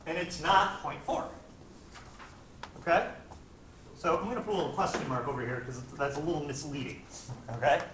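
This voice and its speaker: A man's voice: fairly high pitch, normal speed, long pauses, fairly bright tone. Man, physics teacher mid-lecture, keeps checking understanding; recorded from across a roomy classroom. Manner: checks in often with "right?" and "okay?". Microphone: camera at a distance. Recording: echoey classroom, distant mic, faint noise.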